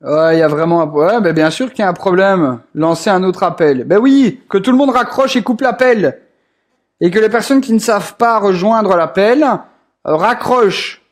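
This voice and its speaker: A man's voice: high-pitched, expressive, moderate pace. A young man hosting a casual group voice call, rambling with lots of hesitations and repeated words. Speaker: group staff host.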